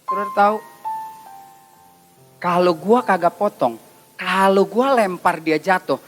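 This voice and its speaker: A male pastor, preaching a lively, joking sermon in street slang at a retreat. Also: sits high, measured pace, faint music behind. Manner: joking, teasing, slangy storytelling. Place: church retreat session.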